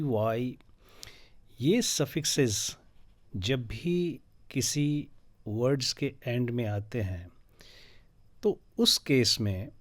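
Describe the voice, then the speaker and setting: A man teaching English word stress, spelling out letters and syllables slowly and deliberately. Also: medium pitch, dry recording. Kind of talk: educational lesson, mixing Hindi and English.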